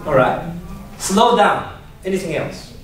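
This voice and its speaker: Pitched high and slow-paced, this male speech teacher uses lively intonation as he quizzes students and laughs frequently. The classroom lesson was captured from a distance, with room echo and ambient noise.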